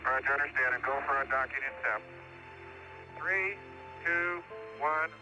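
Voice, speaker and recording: A male astronaut speaking over a lo-fi space radio transmission from an archival mission recording, excited and marveling as he talks. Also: medium pitch, unhurried, music in the background.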